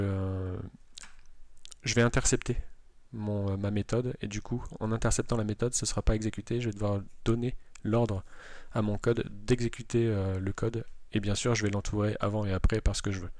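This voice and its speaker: A man's voice: on the low side, steady tone, normal speed, darkish tone, no echo. A man, a Java developer, explaining code aloud in a tutorial, hesitating and restarting often, with self-mocking asides. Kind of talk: live coding tutorial. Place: at a computer, indoors.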